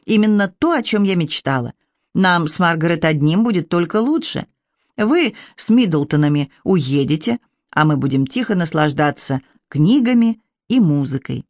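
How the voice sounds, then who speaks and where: Strict middle-aged mom, as the reader does her, firm and brisk, dry close sound. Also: medium pitch, big pitch swings, no room sound. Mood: cheerful. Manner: firm, scolding. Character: stern middle-aged mother, brisk and dismissive.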